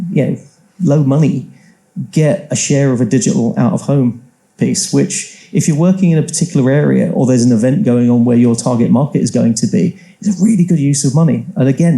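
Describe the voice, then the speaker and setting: A man's voice: mid-range voice, brisk, creaky, mellow, rough recording. A man speaking as a panel expert at a live event, enthusiastic and rambling with restarts. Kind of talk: casual panel talk. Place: event venue with live audience.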